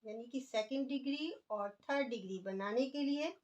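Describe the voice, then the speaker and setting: A woman's voice: high voice, moderate pace, a little mellow. A woman teaching an English grammar lesson, explaining patiently and stretching out example words as she writes them.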